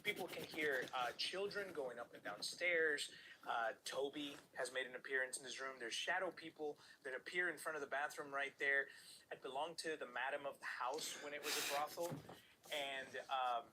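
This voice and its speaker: A man co-hosting a house tour, speaking in relaxed, casual chat and explaining each room as they go. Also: medium pitch, moderate pace, slight background noise, low-quality recording. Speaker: vlogger co-host on the tour. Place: inside an old house.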